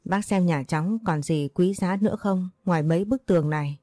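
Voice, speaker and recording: A woman's voice: on the low side, fairly quick, dark tone, no room sound, studio quality, natural voice. A woman voicing a poor, distraught middle-aged village wife who laments and pleads.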